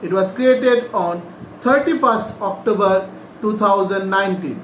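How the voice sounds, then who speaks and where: A man's voice: sits high, extremely slow. A male teacher giving a class lesson, who repeats each name, spells it out letter by letter and asks the class questions. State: sweating. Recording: echoey room, faint noise.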